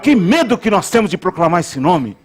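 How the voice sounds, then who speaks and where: A man's voice: high-pitched, big pitch swings, fairly quick, a little mellow, a faint crowd. A man preaching as a pastor, emphatic and repetitive, leading the congregation in call-and-response. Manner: emphatic, repeats phrases, leads call-and-response. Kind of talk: sermon.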